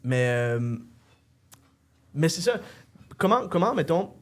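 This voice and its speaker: A man's voice: fairly high pitch, big pitch swings, takes it slowly. A man hosting an interview, who asks questions thoughtfully and hedges with many fillers. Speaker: interview host. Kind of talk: casual interview conversation.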